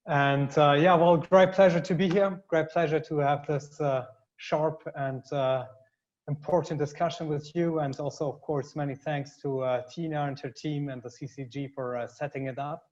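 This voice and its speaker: A man's voice: fairly high pitch, steady tone, normal speed, a little mellow, highs cut off, a little hiss or hum. A man speaking as a panelist in a webinar, hesitant, with many fillers and restarts. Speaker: panelist, consultancy CEO.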